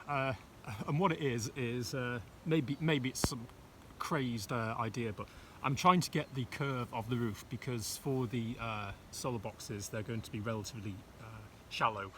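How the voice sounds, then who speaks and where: A man's voice: mid-range voice, moderate pace, fairly bright tone, a little hiss or hum. A middle-aged man casually talking through his boat fit-out on camera, rambling with fillers and restarts and poking fun at himself. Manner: rambling, many fillers and restarts, self-deprecating. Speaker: vlogger fitting out a narrowboat. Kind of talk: casual self-filmed build vlog. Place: outdoors on a boat roof and inside a boat workshop.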